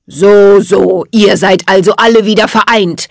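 A woman's voice: medium pitch, fairly even intonation, unhurried, gravelly, no room sound, clean studio sound. A woman doing a cold sneering frost wizard. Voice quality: cold, cutting voice.

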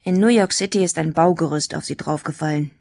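A woman voicing a quiet, bookish teenage boy who answers in a reserved murmur in a storybook reading. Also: sits low, a little fast, creaky, dry recording, clean studio sound. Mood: subdued.

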